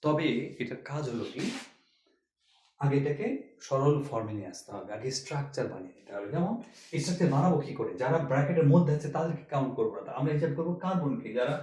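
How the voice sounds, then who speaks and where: A man's voice: fairly high pitch, lively intonation, fast talker, mellow, echoey room. A man teaching chemistry who explains each step, repeats key points and asks the class rhetorical questions. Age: older. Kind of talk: classroom lecture.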